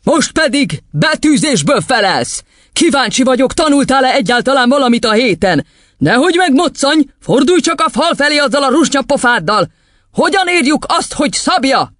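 A man's voice: very high voice, sing-song, fairly bright tone, no room sound, voice pushed up, full character voice. A man voicing a furious, tyrannical female headmistress in an audiobook, screaming and scornful. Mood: harsh. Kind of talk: audiobook character voice.

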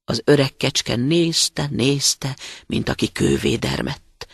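An expressive storyteller reading a fairy tale aloud with dramatic rises and hushed moments. The voice is husky and gravelly with a lively melody, and the recording is dry and close. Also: medium pitch, no echo. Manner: dramatic, drops to a whisper at tense moments.

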